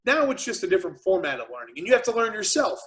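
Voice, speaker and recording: High pitched guy, founder giving a pep talk on a video call, lots of "you know". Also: racing, poor audio. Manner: energetic, heavy on "you know" and "right". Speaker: business founder, guest speaker. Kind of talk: casual motivational talk.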